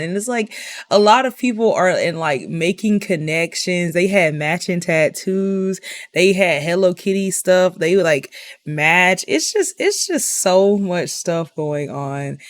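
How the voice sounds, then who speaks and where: A young woman giving an indignant commentary rant, piling up rhetorical questions and filling pauses with "like". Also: mid-range voice, dry recording. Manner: indignant, exasperated, repeats herself with rhetorical questions; heavy use of "like" as filler. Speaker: commentary vlogger.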